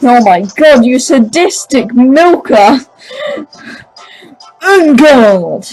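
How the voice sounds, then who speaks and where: A giggly woman gives casual, self-mocking commentary as she plays through a game. Her voice sits on the higher side and her pace is slow. Soft game music plays in the background. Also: animated, poor audio. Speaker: let's play host.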